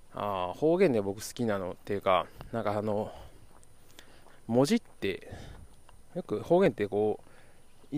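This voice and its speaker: A young man from Kyoto, Japan, hosts a casual solo podcast in a lowish, slightly mellow voice with a faint Kansai lilt. He rambles, corrects himself, and chuckles as he goes.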